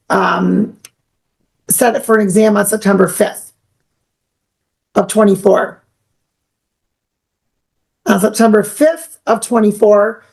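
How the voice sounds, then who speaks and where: A woman's voice: mid-range voice, warm tone. A young woman judge speaking firmly and stating procedure in court. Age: young adult. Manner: firm, stern, procedural.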